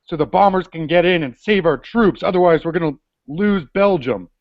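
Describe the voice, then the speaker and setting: Man as an urgent high-pitched frontline soldier. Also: lively intonation, normal speed, highs cut off. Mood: urgent, alarmed. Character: urgent frontline soldier reporting to his superior. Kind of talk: improv comedy acting.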